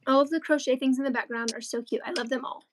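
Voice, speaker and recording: A teenage girl co-hosting a crochet livestream talks fast in a high voice, with a little hiss or hum audible. Her casual chatter rambles along, full of likes and ums.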